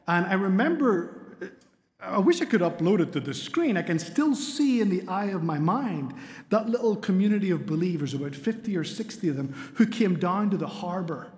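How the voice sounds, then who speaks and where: A middle-aged man, preaching a sermon with earnest storytelling and light humor. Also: sits high. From Spain. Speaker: pastor. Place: church sanctuary. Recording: long hall reverb in a church.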